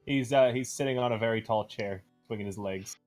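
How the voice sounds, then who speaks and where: A man's voice: medium pitch, fairly quick, a little mellow, faint music behind. A man narrating as game master, loose and easygoing, with lots of fillers.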